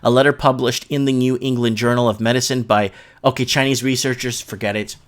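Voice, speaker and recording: His voice sits in the middle range, fairly quick with mostly even intonation. As host of a casual live show, he rambles in a slangy, informal way, reading comments and news to his audience between bits of chat.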